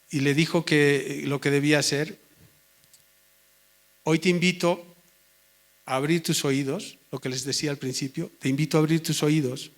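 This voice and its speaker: A man preaching a sermon in an earnest way, slowing right down to stress his points. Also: on the high side. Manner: earnest, slows down sharply for emphasis.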